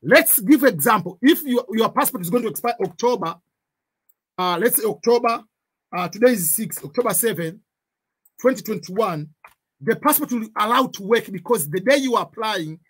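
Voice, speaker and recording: A man's voice: high-pitched, expressive, moderate pace, a bit bright, husky. A man, walking viewers through a form in a screen-share tutorial and repeating examples with warnings. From Tanzania. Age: 40s. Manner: repeats points, gives examples, cautionary tone. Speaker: online tutor.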